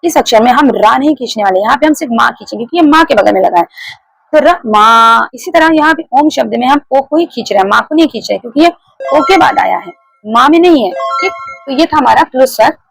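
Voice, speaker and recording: A woman's voice: high-pitched, lively intonation, fast, vocal fry, husky, dry recording, faint music behind, rough recording. A woman teaching a grammar lesson, explaining step by step, repeating key points and putting questions to her students. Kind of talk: classroom lecture.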